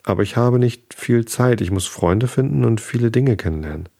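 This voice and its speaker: A man's voice: medium pitch, lively intonation, normal speed, gravelly, warm tone, pitched above the performer's own voice. A man reading a storybook aloud and voicing a polite, curious little boy prince in a mild, questioning way. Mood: earnest.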